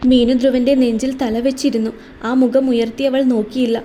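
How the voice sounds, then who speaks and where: A woman narrates a scripted romance story with steady, expressive reading. Her voice sits high and sounds soft and mellow. A faint hiss stays under the voice. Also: a little fast.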